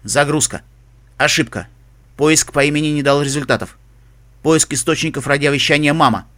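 A man voicing a metallic, emotionless helmet computer that gives clipped, flat system announcements and lists dictionary words in an audiobook reading. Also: a little high, moderate pace. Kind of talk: audiobook reading of a fan story.

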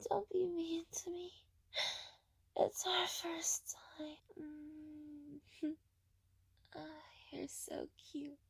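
A woman in an intimate roleplay recording, breathy and often whispering, pleading slowly with soft moans between her words. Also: high voice, flat delivery.

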